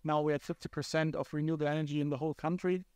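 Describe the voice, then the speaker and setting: A man from Germany, answering on a conference panel in halting speech that repeats words. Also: fairly high pitch, little pitch movement, darkish tone, clean tone, no room sound.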